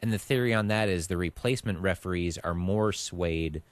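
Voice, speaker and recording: A man's voice: sits low, moderate pace, no echo. A man co-hosting a casual sports podcast, calling picks in a confident, matter-of-fact way. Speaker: podcast co-host.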